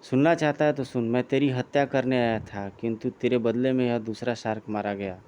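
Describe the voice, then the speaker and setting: A man's voice: medium pitch, steady tone, moderate pace, darkish tone, slight background noise, lightly acted. A man voicing a gloating demon warlord. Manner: mocking, boastful, laughing menacingly.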